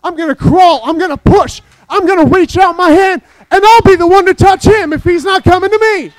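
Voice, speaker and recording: A determined woman vows to crawl and push her way through, as a male preacher speaks her lines. The delivery is urgent and builds in force, high in pitch. The recording is dry and close. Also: brisk, no echo. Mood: resolute.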